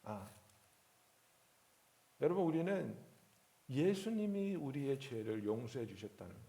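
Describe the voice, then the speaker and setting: A man's voice: medium pitch, expressive, measured pace, vocal fry. A man preaching a sermon as pastor, telling a story and acting out the voices in it. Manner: rising to forceful preaching.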